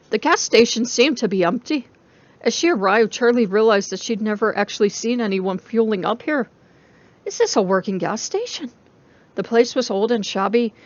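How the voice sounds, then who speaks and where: A woman with a medium-pitched voice narrates a story as a dramatic reading. The recording sounds somewhat muffled and lo-fi.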